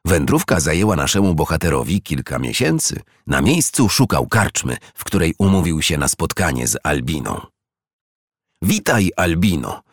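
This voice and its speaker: A man with a low voice reads a children's storybook aloud. His delivery is expressive and swings widely in pitch. The recording is dry and close. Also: moderate pace, hardly any pauses, no room sound. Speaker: narrator. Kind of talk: storybook narration.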